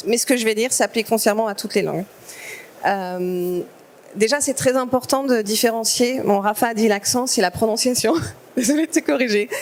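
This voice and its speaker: A woman's voice: a little high, a little mellow. A woman speaking at a conference, answering audience questions in an explanatory way with many fillers and restarts. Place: conference stage.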